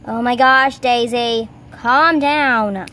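Woman doing patient guy horse in toy play, firm, kinda slow, faint noise outside. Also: a little high, bright, forceful tone. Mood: exasperated. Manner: firm, reasoning, placating. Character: patient, firm male horse scolding his partner. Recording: noisy handheld outdoor recording.

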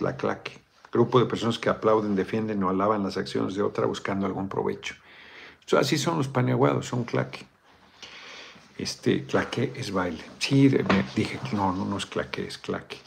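A middle-aged man with a Mexican accent holds forth in a casual video chat, his voice carrying a gravelly edge. He speaks bluntly, drops swear words without a second thought, and keeps wandering into digressions before coming back to his point. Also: medium pitch. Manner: blunt, swears freely, digresses and corrects himself. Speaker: politician hosting a video chat. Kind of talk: casual political commentary.

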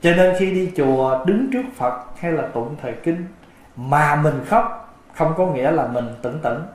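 Monk, gentle teaching voice pitched a bit high, chants verses, echoey room. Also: male voice, measured pace. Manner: gentle, speaks of himself by his dharma name, chants verse passages. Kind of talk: dharma talk.

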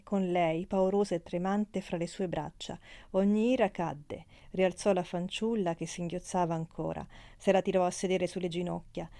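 A woman reads a classic novel aloud in a measured, expressive way. Her voice is warm and mellow at a middle pitch. The recording is dry and close, with no room sound. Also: no room sound. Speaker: audiobook reader. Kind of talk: scripted narration of a novel.

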